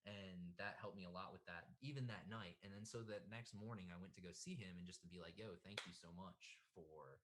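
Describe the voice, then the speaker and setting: A man's voice: deep voice, a little fast, hardly any pauses, a little hiss or hum. A young man, a comic artist, telling a story in casual chat, full of fillers and acting out what others said. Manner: animated, acts out quotes, many fillers.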